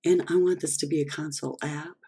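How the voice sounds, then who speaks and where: Hoarse teacher talking through a coding demo, husky and raspy, steady middle pitch. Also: fast. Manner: steady step-by-step explaining, talking through actions on screen. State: losing voice, hoarse. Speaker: programming instructor. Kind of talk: screen-recorded coding lesson.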